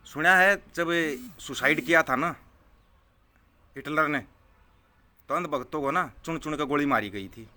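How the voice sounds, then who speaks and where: A man's voice: on the high side, a little slow, long pauses, sharp tone. A man, ranting angrily and scornfully to his viewers, hammering his points home by repeating them. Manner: scornful, heated, repeats phrases for emphasis. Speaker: political vlogger answering viewer comments. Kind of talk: angry live political rant.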